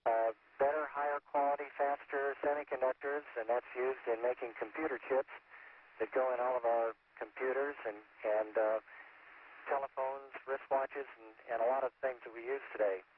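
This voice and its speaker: A male astronaut speaks over a crackly space-to-ground radio link that sounds like a sci-fi communicator, explaining experiments with halting pauses and fillers. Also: mid-range voice, fairly even intonation. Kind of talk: describing experiments for ground control. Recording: tinny radio downlink with faint hiss.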